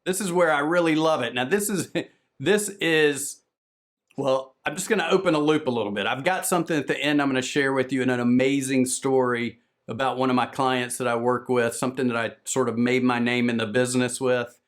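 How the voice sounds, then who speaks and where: A man from the southern United States with a Southern American accent, giving an energetic, fast-talking, salesy conference presentation on podcast business. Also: medium pitch.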